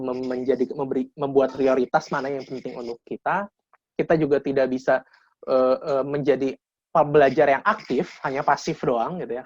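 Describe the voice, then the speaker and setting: Fast-talking man in his thirties on a video call. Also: mid-range voice, dry recording. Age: 30s. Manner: casual lecturing, frequent restarts. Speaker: guest speaker. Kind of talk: webinar talk. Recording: dull lo-fi video call audio.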